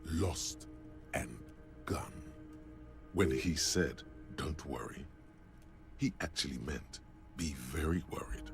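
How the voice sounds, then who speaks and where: A deep, mocking inner-voice narrator. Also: male voice, slow pace, long pauses, full character voice. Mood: ominous. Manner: deadpan, mocking second-person narration. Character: ominous male inner-voice narrator. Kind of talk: game narration. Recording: game music behind.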